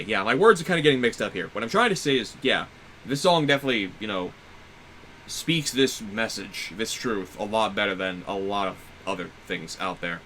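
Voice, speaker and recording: A man's voice: fairly low pitch, sharp tone, a little hiss or hum, poor audio. A man guesting on a reaction video, talking in a rambling, casual way with lots of restarts and fillers. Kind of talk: casual chat.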